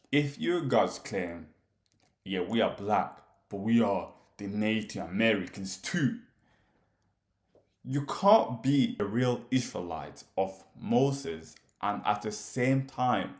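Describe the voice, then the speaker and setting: A Somali man, Somali being his first language, addresses the camera directly in a monologue as a commentator. His lowish voice challenges and questions, pressing his points with emphasis. The sound is roomy.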